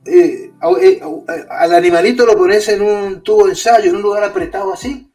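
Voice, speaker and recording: A man's voice: sits high, moderate pace, warm tone. A man, a guest author in an interview, explaining ideas by asking and answering his own questions.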